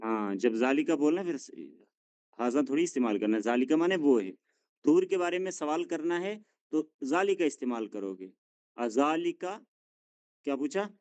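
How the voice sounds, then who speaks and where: A man teaching an Arabic lesson, drilling students with questions, patient and encouraging as he corrects them gently. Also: on the high side, expressive, normal speed, no room sound.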